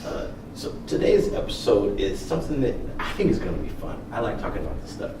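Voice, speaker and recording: Deep male voice, casual joking podcast co-host, echoey distant recording, noisy background. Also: very animated, brisk. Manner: informal, profane, joking. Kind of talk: casual explanatory podcast talk. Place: library room. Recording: roomy, distant mic with clear noise.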